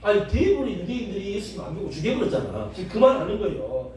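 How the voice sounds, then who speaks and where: Lively, joking Jeolla pastor in an echoey classroom. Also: male voice, high-pitched, fast talker, slight background noise. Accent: Jeolla Korean. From Jeolla, South Korea. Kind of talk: Bible lecture to a class. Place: seminary classroom. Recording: echoey room, recorded from a distance.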